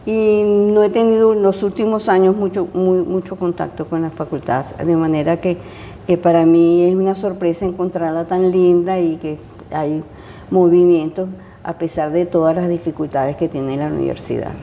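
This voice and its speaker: An older woman with a Venezuelan accent, a retired chemistry professor recalling her years of teaching in an interview, pausing often with fillers and restarts. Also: on the low side, fairly even intonation, dark tone, a little hiss or hum. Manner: hesitant, many fillers and restarts. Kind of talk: interview, casual recollection.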